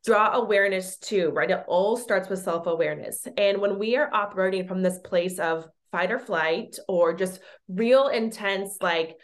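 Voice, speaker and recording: A woman who works as a children's therapist, a podcast guest talking in a chatty, animated way with many fillers. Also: medium pitch, normal speed, hardly any pauses. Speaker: pediatric occupational therapist guest. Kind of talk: casual podcast conversation.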